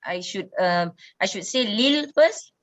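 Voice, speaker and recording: A woman's voice: medium pitch, lively intonation, extremely slow, a bit bright. A woman practicing Arabic phrases in an online class, hesitating and searching for words. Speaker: student. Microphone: video call.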